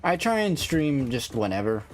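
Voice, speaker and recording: His voice is mid-range and sing-song, soothing, at a moderate pace. He's a live streamer working through a factory-building game, chatting loosely and musing aloud as he plays, with background noise clearly present.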